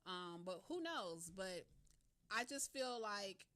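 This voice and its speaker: A woman's voice: mid-range voice, slow. A woman hosting a radio show, talking casually with lots of slang, laughter and swearing. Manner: animated, slangy, laughs often, swears freely. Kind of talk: casual talk radio monologue.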